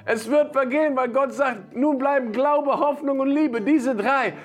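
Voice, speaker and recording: A man's voice: very high-pitched, measured pace. A man preaching a sermon, emphatic and repeating his key phrases, with short laughs between lines.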